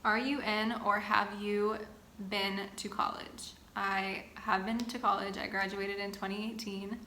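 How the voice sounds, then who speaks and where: A woman in her twenties from the Boston area sits at home and answers viewer-style questions one by one in a relaxed, chatty way. Her voice is bright and clear. The room is echoey, with a faint hum of ambient noise behind her. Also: mid-range voice, unhurried. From Boston area, United States. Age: 20s. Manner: chatty, reads questions then answers at length. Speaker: vlogger. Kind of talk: sit-down get-to-know-me chat.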